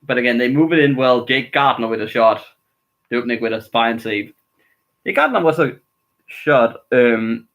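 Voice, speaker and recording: A man's voice: medium pitch, a bit bright, low-quality recording. A man from Denmark, giving casual, rambling live reaction commentary on a hockey game and grumbling about his team's play. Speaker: streamer.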